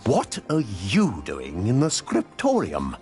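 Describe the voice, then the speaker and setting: A man's voice: medium pitch, huge pitch swings, slow pace, music in the background. An actor playing a stern, haughty male prior who lectures his monks condescendingly, in video game voice acting. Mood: lecturing.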